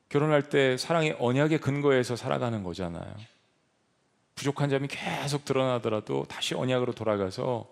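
A man's voice: mid-range voice, creaky. A man preaching a sermon as pastor, earnestly exhorting his congregation in a church sanctuary. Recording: long hall reverb.

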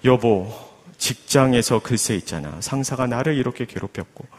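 A man's voice: medium pitch, lively intonation, moderate pace, voice pushed down, close to an everyday voice. A preacher puts on an exhausted wife unloading her day onto her husband. She sounds drained and complaining. A long hall reverb hangs on each phrase. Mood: weary. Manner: weary, complaining.

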